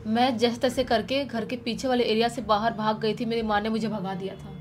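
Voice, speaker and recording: A woman's voice: on the high side, flat delivery, fairly quick, lightly acted. A woman voicing a sad, hungry orphaned young village girl who speaks plaintively, in her own voice. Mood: sorrowful. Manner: tearful, plaintive.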